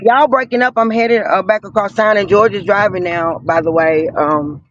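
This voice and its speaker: A man's voice: sits high, normal speed, a bit bright, no room sound. Man on a breaking-up voice call. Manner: slangy, laid-back, talks over others. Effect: voice over a breaking-up online call. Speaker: voice chat participant. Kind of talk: casual group voice chat. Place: riding in a car. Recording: dull, dry, lo-fi call audio.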